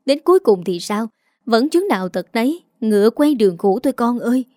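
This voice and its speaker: A woman's voice: fairly high pitch, sing-song, brisk, warm tone, no room sound, clean studio sound. A woman voicing an aging village mother who is tearful and bitterly complaining. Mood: indignant.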